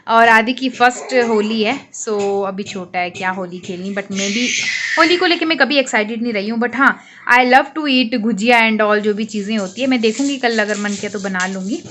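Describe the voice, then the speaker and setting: A woman's voice: a little high, normal speed, noisy background. A young woman from Himachal with a Himachali Hindi accent, chatting casually at home in a vlog and mixing in English phrases. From Himachal Pradesh, India. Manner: chatty, mixes English phrases, talks to her baby. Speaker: vlogger, young mother. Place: home, indoors.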